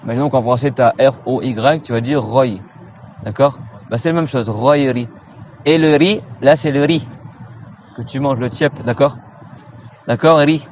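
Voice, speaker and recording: A man from France teaching Quran recitation in a casual lesson, repeating each sound slowly and often checking in with his students. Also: medium pitch, darkish tone, dull audio, slight background noise. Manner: casual, familiar, checks in with "d'accord?". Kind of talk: informal pronunciation lesson.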